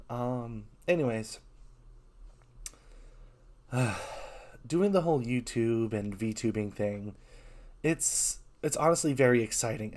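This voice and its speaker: A man talking openly in a casual vlog, his voice rough from being sick, earnest and halting, often restarting his sentences. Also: medium pitch, a little mellow. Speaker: VTuber.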